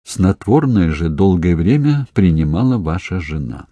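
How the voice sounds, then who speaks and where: A man's voice: sits low, big pitch swings, unhurried, mellow, slightly rough, no room sound, exaggerated voice. A man playing a dry, ironic police investigator. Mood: calm. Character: young male police investigator, wry and calm.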